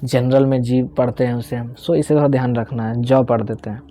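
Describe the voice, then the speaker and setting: A man's voice: mid-range voice, steady tone, a little fast, dark tone, no room sound. A young man teaching English pronunciation in Hindi with some English, explaining step by step and often checking in with his students. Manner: explains step by step, repeats key words, checks in with "theek hai".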